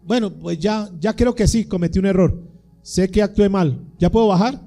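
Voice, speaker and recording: A man's voice: sits high, moderate pace, dark tone, faint music behind. A man voicing an eleven-year-old boy who sulks and then begs his father for forgiveness. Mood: whiny. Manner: whiny, begging.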